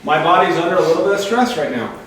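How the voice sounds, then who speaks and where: A man giving a lively health workshop lecture to a live audience, asking them questions and adding sarcastic asides. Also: sits high, quick pace. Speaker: chiropractor presenting a health workshop. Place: large echoey room with a live audience. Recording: very echoey room, distant mic, faint noise.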